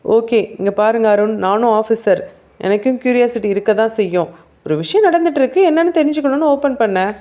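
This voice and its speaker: A woman's voice: mid-range voice, normal speed, a little mellow, natural voice. A woman voicing an evasive, indignant male police officer who is under suspicion.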